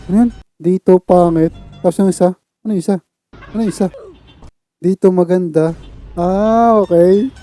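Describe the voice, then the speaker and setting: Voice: mid-range voice, normal speed, long pauses, dark tone, faint music behind. A person with a Filipino accent casually reacting to funny clips as host, trying not to laugh and sometimes chuckling.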